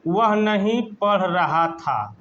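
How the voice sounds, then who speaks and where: A man with a Hindi accent teaching English grammar in a lesson, dictating slowly and repeating each phrase so students can write it down. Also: high voice, lively intonation, a bit bright. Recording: dull lo-fi recording.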